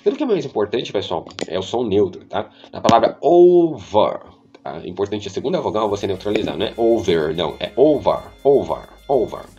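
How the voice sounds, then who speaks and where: Guy teaching pronunciation, patient, says words over slow, dull audio w/ soft music behind. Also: lowish voice, expressive, husky. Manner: patient, repeats words slowly, checks in with "tá?". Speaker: English teacher. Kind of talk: pronunciation lesson.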